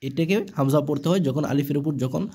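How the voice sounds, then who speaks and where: A man's voice: fairly high pitch, fairly even intonation, fast, mellow, breathy edge. A man with a Bangladeshi Bengali accent teaching Quran reading, spelling each syllable aloud and then drawing out the joined word. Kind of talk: slow letter-by-letter recitation lesson.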